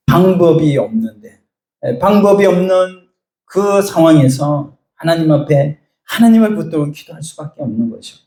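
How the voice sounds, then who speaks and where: A middle-aged man serves as a pastor delivering a sermon, his voice on the high side and warm, with a roomy sound. He tells stories, acts out voices, and puts questions to the congregation.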